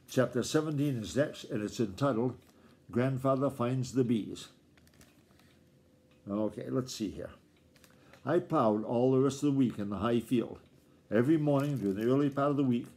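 A man reading a book chapter aloud to his family in a relaxed, homey way, with the odd small slip. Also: mid-range voice.

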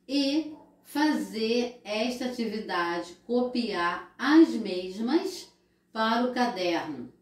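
A Brazilian woman teacher giving a recorded class to young children, explaining slowly and patiently with drawn-out words. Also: medium pitch, a little mellow. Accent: Brazilian Portuguese. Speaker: primary school teacher. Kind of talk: recorded remote class lesson. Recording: echoey room.

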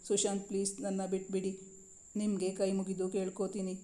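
A woman voicing a pampered, tearful young bride in a spoken story, pleading and complaining in an even, mellow tone. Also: medium pitch, normal speed, natural voice.

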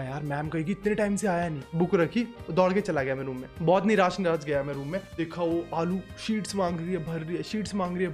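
A young man telling a school story in a casual vlog, animated and acting out the quoted lines. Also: high-pitched. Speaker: vlogger.

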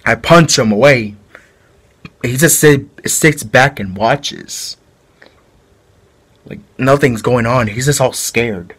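A man playing a male killer who confesses a brutal fight in a halting, rambling way, in an amateur home-video drama. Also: mid-range voice, a bit bright, slightly rough. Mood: flat confessing. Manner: halting, rambling storytelling with restarts.

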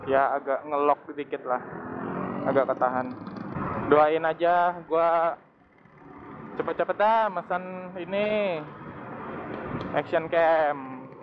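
Riding through city traffic, a young man keeps up a slangy, laugh-filled motovlog chat at a slow pace with long pauses. His rather high voice comes through a wired phone earphone mic inside his helmet, sounding tinny against heavy traffic and engine noise.

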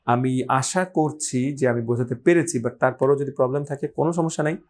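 A man, teaching English pronunciation and patiently repeating example words slowly. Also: medium pitch, a little mellow. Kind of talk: explanatory lesson.

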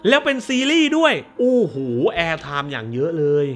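A man's voice: sits high, huge pitch swings, a little fast, fairly bright tone, faint music behind. A man hosting a movie review show, ranting casually in a crude, profane, sarcastic way.

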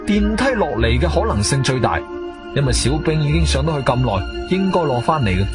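A male actor with a slightly high, brisk voice plays an agile, martial-arts-trained adventurer who is urgent and intense. He narrates his own radio drama in Cantonese with animated, suspenseful storytelling, recorded in a studio with music behind him.

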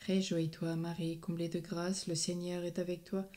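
Leading the rosary, a woman prays aloud at a slow, even pace, her soft and mellow voice pitched a little low.

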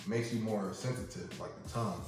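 Male taste-test host, slangy and casual, eating sour candy as he talks; distant mic, music clearly behind. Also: on the low side, steady tone, brisk. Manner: slangy, laid-back phrasing. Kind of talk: casual banter while taste-testing. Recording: very echoey room, distant mic, music underneath.

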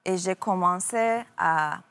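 Slow, halting woman. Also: on the low side, fairly bright tone. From Iran. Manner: halting, searching for French words. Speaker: guest. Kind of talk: TV talk show testimony.

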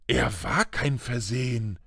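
A man's voice: mid-range voice, slow pace, gravelly, pushed and bright, husky, dry recording, studio quality, heavily acted. A man voicing a defiant young boy who talks insistently and indignantly, in an audiobook. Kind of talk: audiobook character voice.

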